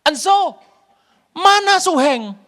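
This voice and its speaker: A man's voice: high voice, animated, brisk, fairly bright tone. A male preacher voicing a desperate fleeing warrior chief, urgent and pleading.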